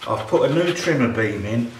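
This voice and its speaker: A man's voice: mid-range voice, animated, normal speed, far from the mic. An older man talking casually about his renovation work, listing each job in a plain, matter-of-fact way. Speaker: homeowner showing his renovation. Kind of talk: casual walkthrough chat. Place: small cottage rooms indoors, then garden outdoors. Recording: echoey rooms with faint background noise.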